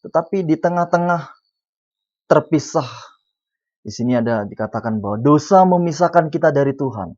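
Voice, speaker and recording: Preacher delivering an animated sermon. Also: male voice, a little high, moderate pace, pauses often. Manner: animated, swings from soft asides to loud emphatic lines. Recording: dull lo-fi sound.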